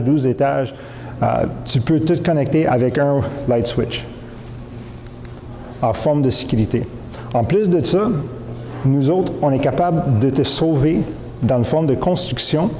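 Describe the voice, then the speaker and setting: Casual Quebec French founder's pitch, loose and filler-heavy, warm mellow voice, echoey hall. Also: male voice, a little hiss or hum. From Montreal, Quebec. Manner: informal pitch with many fillers and restarts, mixing English terms. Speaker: company founder. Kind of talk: spoken product pitch. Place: event hall. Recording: echoey hall with faint ambience.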